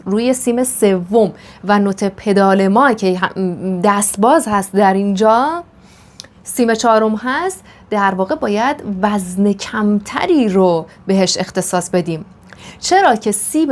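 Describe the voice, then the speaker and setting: A woman with a somewhat high voice explains violin technique step by step. She is patient and methodical, pausing on fillers as she thinks. A violin plays between her explanations. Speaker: violin teacher. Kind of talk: instructional explanation. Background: violin playing.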